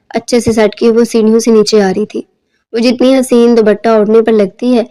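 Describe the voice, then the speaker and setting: Woman narrator for storybook reading, steady, dark and mellow, very even pitch.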